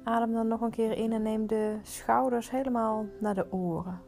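A woman leading a guided meditation, giving soothing, unhurried instructions with pauses. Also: on the high side, fairly even intonation, vocal fry, darkish tone, faint music behind.

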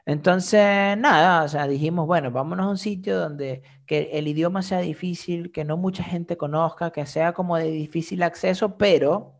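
Hombre joven venezolano, voz rasposa. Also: male voice, on the high side, normal speed. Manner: animated, slangy, frequent filler "o sea". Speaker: interview guest, migrant living abroad. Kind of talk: casual conversational storytelling.

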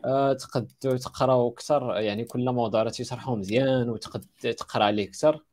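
Speaking fast with fairly even intonation, this Moroccan-accented man has a mid-range, darkish voice. On a panel, he casually recommends design resources, hesitating, repeating words while searching, and slipping in English and French terms.

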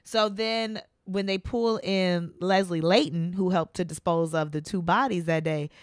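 Animated woman true crime podcaster. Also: on the low side, measured pace, no echo, clean studio sound. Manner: animated, acts out quotes, slangy. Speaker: podcast co-host. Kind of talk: casual true crime chat.

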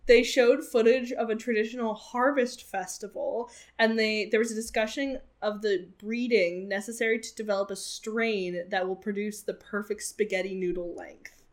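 A woman's voice: mid-range voice, steady tone, moderate pace. A woman co-hosting a casual podcast, telling a story in a chatty way with frequent ums and laughs. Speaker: podcast co-host. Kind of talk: casual chat.

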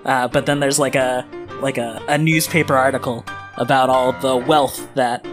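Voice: medium pitch, fairly even intonation, moderate pace. Casual game master narrating over music. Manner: casual, filler-heavy narration with frequent "like". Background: background music.

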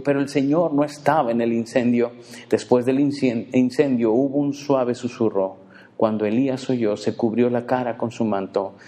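A male preacher giving a sermon, speaking directly to the congregation and swinging between emphatic and hushed passages. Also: mid-range voice.

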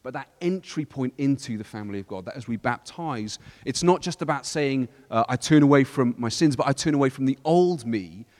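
A man's voice: mid-range voice, expressive, brisk, hardly any pauses, darkish tone. Male church leader, casual Bible study talk, explanatory, reverberant room. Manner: explanatory, with frequent restarts and quoted scripture.

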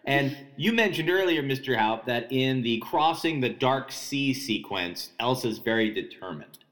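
A man's voice: medium pitch, lively intonation, unhurried, fairly bright tone. A man co-hosting a casual podcast chat about a film, wry, teasing and analytical. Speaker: podcast co-host.

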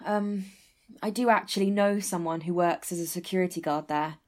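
A young woman playing an eager trainee detective, earnest and expressive, in a comic audio drama. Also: fairly low pitch, moderate pace, lightly acted. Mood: wistful, melodramatic. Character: eager, punning young female trainee detective, sensitive and forthright.

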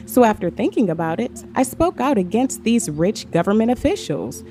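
Woman reading bible passages, warm low-key tone, calm and even, faint music underneath. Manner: measured, steady reading. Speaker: scripture reader. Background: faint background music.

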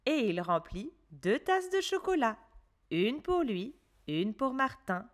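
A woman storyteller reading a children's story aloud, gentle and expressive. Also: on the high side, slow pace.

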